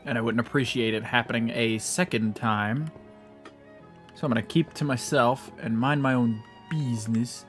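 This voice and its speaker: A man's voice: medium pitch, moderate pace, soft background music. Rambling American guy streaming a game. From United States. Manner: rambling, self-mocking, swears casually. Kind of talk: casual gameplay commentary.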